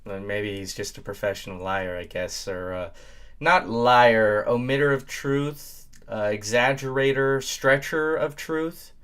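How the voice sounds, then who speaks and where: A man's voice: medium pitch, steady tone, measured pace, fairly bright tone, clean tone. A man hosting a casual reaction commentary, crude and mocking, laughing often into a desk microphone. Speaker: host reacting to a video. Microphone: home desk microphone.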